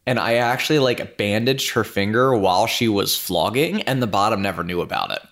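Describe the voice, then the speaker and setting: Low-voiced man co-hosting a casual podcast. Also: a little fast. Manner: relaxed, rambling, many fillers. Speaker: podcast co-host.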